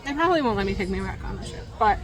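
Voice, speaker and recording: Racing along in an expressive, fairly bright mid-range voice, a woman vlogs from a cruise line's island stop, with soft music and a faint crowd behind her. She chats about the food outdoors with her mouth full, laughing frequently.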